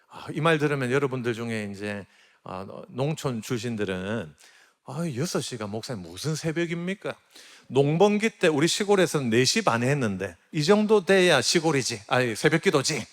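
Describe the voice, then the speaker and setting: Animated man lecturing in a church hall. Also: fairly high pitch. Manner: animated storytelling with audience questions. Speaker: guest lecturer. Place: church sanctuary. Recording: hall reverb.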